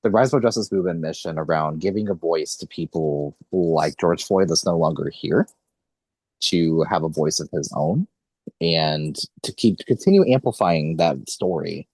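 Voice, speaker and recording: With no room sound, we hear a low, animated, slightly mellow man talking at a moderate pace. In his late twenties, he hosts a casual podcast, rambling earnestly and frequently fixing what he's just said.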